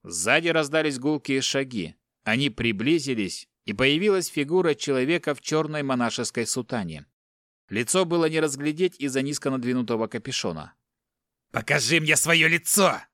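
A man's voice: mid-range voice, lively intonation, a little fast, fairly bright tone, no room sound. Male audiobook narrator, dry close sound.

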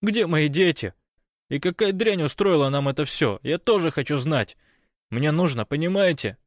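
A hot-headed man who talks high and loud, played by a male narrator, in a low-toned audiobook reading. Every line comes out strained and forceful, and the recording is dry and close. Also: big pitch swings, moderate pace, no room sound. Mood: demanding. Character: agitated man Kostya, loud and fierce.

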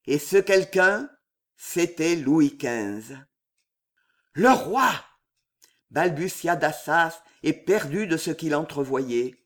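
A man narrating a novel as an audiobook in a slow, dramatic reading. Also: fairly high pitch, lively intonation.

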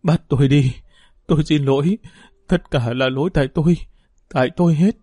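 A man's voice: fairly high pitch, moderate pace, mellow, husky, no room sound. A man voicing a sobbing elderly woman who begs to be arrested, in a storybook reading. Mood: desperate, tearful. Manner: tearful pleading.

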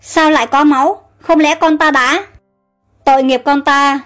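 A queen mother, distraught and pleading over her lost son, read by a woman. The voice is high and light, with faint music under the story. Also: steady tone, a little slow, a bit bright. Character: grieving anxious queen mother.

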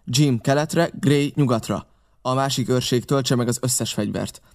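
A man's voice: medium pitch, close to an everyday voice. A man reading an audiobook, voicing a wary, commanding ship captain who barks curt orders. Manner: barked orders, curt and clipped.

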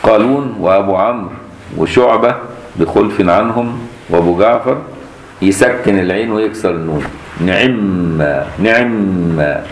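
A man's voice: on the low side, fairly quick. A man with an Egyptian accent, a sheikh teaching Quran recitation variants, demonstrating each reading and quizzing his students. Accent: Egyptian Arabic. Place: mosque. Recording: echoey mosque with faint noise.

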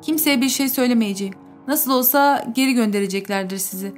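Lady reading as a strict old professor guy in an audiobook, firm and scolding, a bit high voiced. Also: fast talker, faint music behind, close to an everyday voice. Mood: stern. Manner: firm, admonishing. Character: stern older male professor, doctor.

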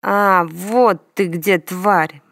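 Woman reading as a hoarse, taunting young bully. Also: on the low side, fairly even intonation, extremely slow, fairly bright tone, no room sound, heavily acted. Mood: menacing. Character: menacing young male student bully.

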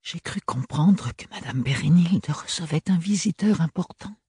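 A man voicing a soft-spoken young woman. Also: a little high, expressive, normal speed, husky, dry recording, clean studio sound, voice pushed up, full character voice. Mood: polite. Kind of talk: audiobook character voice.

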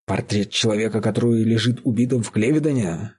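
A man's voice: lowish voice, fairly quick, slightly rough. A man voicing a grim vengeful farmer. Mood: agitated. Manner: calm, accusing. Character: grim vengeful middle-aged male farmer, calm and sure.

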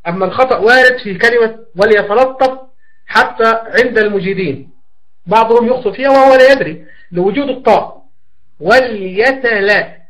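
High-pitched male tajweed teacher, patient, pausing, drawls demonstration words. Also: fairly bright tone, low-quality recording. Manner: slow, drawn-out demonstration of letters and words; patient explaining with frequent pauses and fillers. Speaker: Quran recitation teacher. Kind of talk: tajweed lesson explaining a classical poem.

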